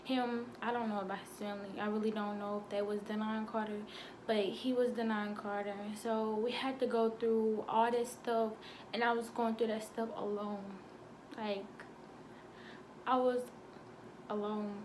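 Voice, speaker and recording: A young woman telling a painful personal story, halting with many fillers and fighting back tears. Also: on the high side, flat delivery, a little mellow, slight background noise. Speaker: vlogger.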